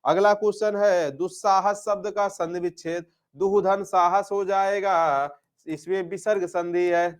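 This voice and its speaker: A male Hindi grammar teacher with a high-pitched voice goes through exam questions a little slowly, his intonation fairly even. He repeats every answer, asks "क्या?" and then answers it himself, and calls his students by affectionate nicknames.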